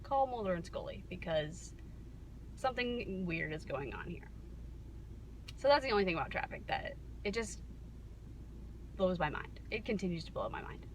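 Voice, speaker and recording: A woman's voice: fairly low pitch, moderate pace, long pauses. An American woman telling a casual, rambling story to camera, wryly interrupting herself and acting out bits of dialogue, recorded inside a car. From Kansas, United States. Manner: wry, self-interrupting, acting out reported dialogue. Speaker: vlogger. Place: inside a car while driving. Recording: noisy car interior, steady background noise.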